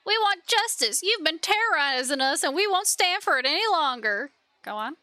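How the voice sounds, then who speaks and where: A woman's voice: high-pitched, big pitch swings, moderate pace, pushed and bright, dry recording, voice pushed up, full character voice. Woman doing angry Southern-drawl villagers. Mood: indignant. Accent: put-on Southern US. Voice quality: twangy drawl. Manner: indignant, complaining. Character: aggrieved rural villagers, adult men, angry and blunt.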